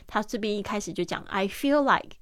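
A woman hosting an English lesson in Mandarin. She breaks phrases into parts and repeats them in a lively way. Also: mid-range voice, normal speed, no echo. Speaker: English teacher and host.

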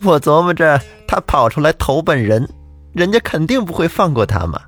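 A man voicing a domineering, mocking fox spirit wife who talks loudly and scornfully. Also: a little high, big pitch swings, moderate pace, dry recording, faint music behind, voice pushed up. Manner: loud, scornful, laughing taunts.

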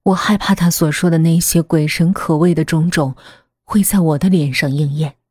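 A woman narrating a horror story in a hushed, half-whispered voice. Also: low-pitched, fairly even intonation, normal speed, slightly rough, dry recording, clean studio sound. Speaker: voice actor narrating.

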